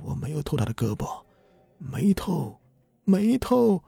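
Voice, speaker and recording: Guy doing a shaky old villager, mumbly and teary, husky and slow, dry close sound. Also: a little high, big pitch swings, mellow, no room sound, pitched above the performer's own voice, heavily acted. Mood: mumbling tearful. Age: older. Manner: mumbling, tearful, halting. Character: crazed old village man, lame, pleading innocence.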